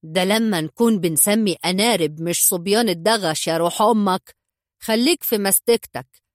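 Woman voicing a gruff Egyptian gang boss. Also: medium pitch, fairly quick, no room sound, studio quality, close to an everyday voice. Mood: domineering. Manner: curt, bossy, coarse. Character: gruff irritable middle-aged male gang boss.

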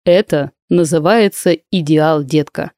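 A joking, playful man around thirty, as a woman reads him in an audiobook, stretching his teasing lines out slowly. The voice sits low and mellow, close and dry. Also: no echo, close to an everyday voice. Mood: ironic. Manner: teasing, drawn-out slow delivery. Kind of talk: audiobook character voice.

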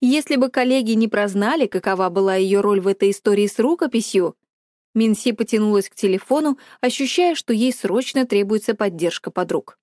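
A woman's voice: medium pitch, a little fast, darkish tone, no echo. Woman narrating an audiobook, dry and close. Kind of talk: scripted narration.

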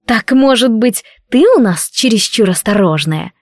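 In this audiobook, a spiteful young maid hisses her words through her teeth, mocking and venomous, as a woman narrator puts her on. Her voice sits a little higher and louder than the narrator's own. The reading is close and dry. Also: expressive, normal speed, dry recording. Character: spiteful jealous young maid, sharp-tongued and hissing.

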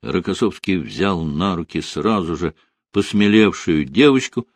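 A male audiobook narrator reading a novel in a measured, expressive way. His pitch moves in a lively way, and the recording is dry and close with no room sound. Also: no echo. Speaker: audiobook reader. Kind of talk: scripted narration.

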